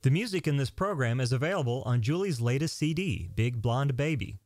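A man announcing a scripted promotion in a steady, clear delivery. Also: medium pitch, brisk, soft background music.

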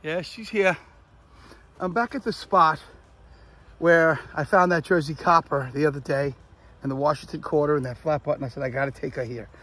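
A man narrating his metal detecting finds outdoors in a casual way, often exclaiming with excitement. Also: fairly high pitch, normal speed, breathy edge. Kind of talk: casual narration while digging. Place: outdoors in a large field.

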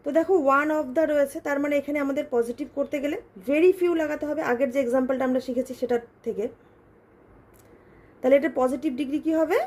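A woman teaching English grammar in a patient lesson, asking her students questions and reading example sentences slowly. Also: high voice, steady tone, a little mellow.

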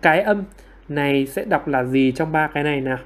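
A man teaching online English over a livestream quiz, prodding students for their answers and laughing off his own mistakes with quick apologies. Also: on the high side.

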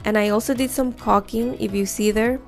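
Friendly woman home-renovation vlogger, chatty lapel-mic voice-over at mid pitch over light music. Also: fairly even intonation, brisk. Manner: upbeat and encouraging, chatty. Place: home living room, indoors.

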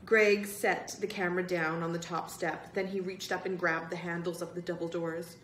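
A woman's voice: on the low side, level tone, moderate pace, fairly bright tone, echoey room, rough recording. A woman reading a chapter book aloud to children at story time, voicing each character expressively. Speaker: storytime reader.

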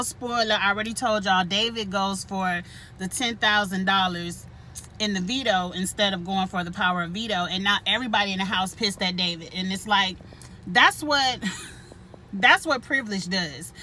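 A woman's voice: medium pitch, moderate pace, sharp tone, slight background noise. A woman hosting her own channel, giving a casual, blunt and profane commentary straight to her viewers, laughing often. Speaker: channel host reviewing a reality show.

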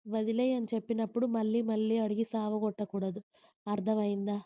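A woman voicing a teasing, bossy young husband who scolds with care, in a gruff tone. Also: medium pitch, little pitch movement, fairly quick, dark tone, no echo, close to an everyday voice.

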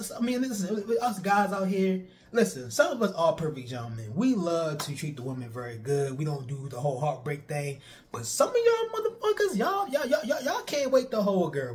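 A young man, riffing on pro wrestling for his stream chat in an animated, repetitive way. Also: on the high side. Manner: animated, repetitive, talks straight to viewers. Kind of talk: casual streamed commentary to chat.

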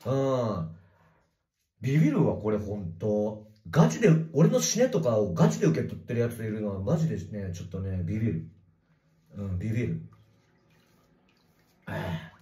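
A man livestreaming from a bathroom, reading viewer comments in casual chat and swearing at commenters in a rough, teasing way. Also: lowish voice, big pitch swings, moderate pace, long pauses, dark tone. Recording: echoey bathroom.

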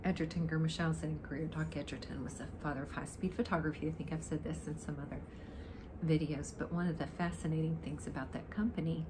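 Sitting on a sofa in her living room, an older amateur guitarist with a dry throat introduces a song to the camera, rambling and reminiscing casually. Her low voice has fairly even intonation, and she talks fast. The home recording is clearly noisy.

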